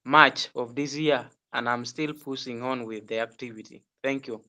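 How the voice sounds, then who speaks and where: A man's voice: mid-range voice, fairly even intonation, normal speed, bright, forceful tone. A man from Uganda, introducing himself in a proud, emphatic way.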